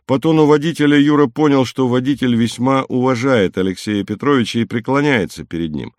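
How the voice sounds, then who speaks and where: A man narrating an audiobook at a steady, measured pace. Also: mid-range voice, no echo, studio quality. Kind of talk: audiobook reading.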